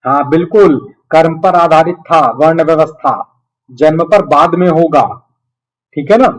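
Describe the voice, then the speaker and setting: A man with a moderately high-pitched voice teaches an online class. He talks conversationally and explains step by step, as one would to children. He is encouraging and keeps adding little tags to check that his students follow. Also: measured pace, rough recording. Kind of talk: live quiz lesson with students, conversational teaching.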